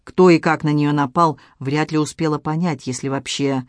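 A man's voice: on the high side, steady tone, normal speed, dry recording, studio quality. A man reading a crime novel aloud with tense, dramatic narration. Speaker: audiobook narrator. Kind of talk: scripted narration.

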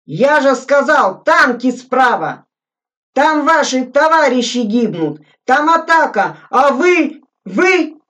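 A woman voicing an eager, self-important young male junior lieutenant who shouts his commands. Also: a little high, lively intonation, measured pace, voice pushed up. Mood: agitated. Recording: dull audio from a distant mic.

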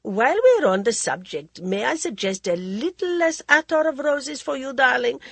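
A woman's voice: medium pitch, husky, no room sound. A woman voicing a worldly, imperious older Indian society lady who drawls theatrically and calls everyone darling.

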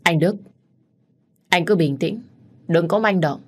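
A woman's voice: fairly low pitch, slow, darkish tone, slightly rough. A woman voicing a frightened young husband who stammers and pleads for his wife's release. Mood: pleading.

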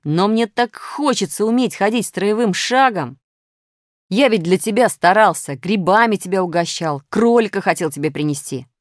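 A woman's voice: medium pitch, expressive, moderate pace, no echo, clean studio sound, pitched above the performer's own voice, close to an everyday voice. A woman voicing a naughty, whiny male minus sign who pleads and wheedles, in an audiobook. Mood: whiny pleading. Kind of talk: audiobook character voice.

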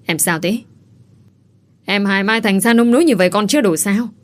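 A woman's voice: medium pitch, brisk, lightly acted. A woman voicing a young man who speaks in a soothing, reproving way.

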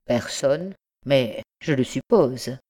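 Brief: woman reading as a polished, insistent young gentleman, low-pitched and slow. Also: lively intonation, slightly rough, heavily acted. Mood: suave. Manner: courteous, then urgent and driven. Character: young nobleman scholar, ambitious and insistent.

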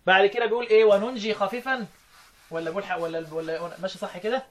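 An Egyptian man teaching Quran recitation, quizzing his students and slowly chanting verse lines between his explanations. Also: sits high, crowd noise. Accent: Egyptian Arabic. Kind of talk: interactive classroom lesson.

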